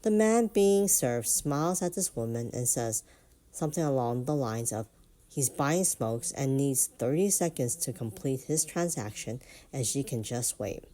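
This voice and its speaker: Woman narrator, low register, storytelling read with lively amused asides. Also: a little slow. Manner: amused, animated reactions. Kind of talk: reading and reacting to online stories.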